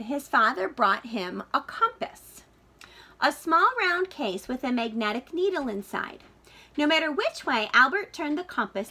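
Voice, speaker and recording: With a high-pitched, husky voice, a woman reads a picture book to children like a teacher would. She shapes each phrase expressively, deliberately and dramatically for her young audience.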